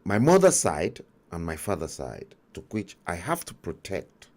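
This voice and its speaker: A man with a Nigerian accent speaks slowly and deliberately, drawing out each point of his story. His low voice swings widely up and down for emphasis. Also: big pitch swings, darkish tone. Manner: emphatic, slow storytelling with dramatic pauses. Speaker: talk show host. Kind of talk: livestream commentary monologue.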